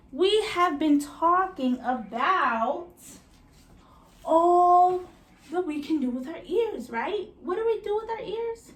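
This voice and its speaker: A woman teaching young children like a kids show host, with an exaggerated, encouraging manner and simple questions. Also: sits high. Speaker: preschool teacher leading circle time. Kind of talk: children's educational lesson, asking questions to young viewers. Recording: roomy echo, distant mic, faint noise.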